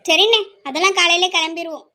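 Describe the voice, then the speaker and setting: A woman doing a calm, motherly aunt. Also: very high-pitched, quick pace, heavily acted. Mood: reassuring. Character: middle-aged aunt Lakshmi, calm and motherly.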